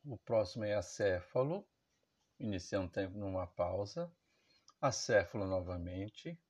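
A man's voice: fairly low pitch, a little mellow, breathy edge, dull audio. A man teaching a music theory lesson, explaining patiently and often checking that his listeners follow.

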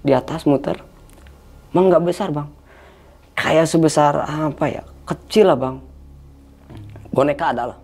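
A man's voice: a little high, measured pace, pauses often, a little mellow. A man casually recounting a frightening hiking experience, tensely imitating the eerie sounds he heard. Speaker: hiker telling a story. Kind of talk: casual storytelling.

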